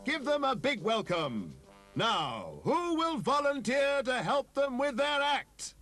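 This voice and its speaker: A man's voice: very high voice, sing-song, slow, bright, forceful tone, pitched above the performer's own voice, full character voice. A man voicing a showy male circus ringmaster who calls out to the crowd in a barker's sing-song. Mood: announcing. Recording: music bed behind the voice.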